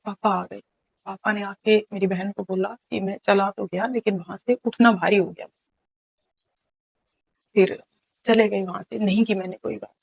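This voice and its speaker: A woman's voice: medium pitch, steady tone, moderate pace, creaky, long pauses, husky, rough recording. Woman from Haryana recounting her hard past. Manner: earnest, recounting events with many restarts and quoted dialogue. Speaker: guest telling her life story. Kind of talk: personal storytelling interview.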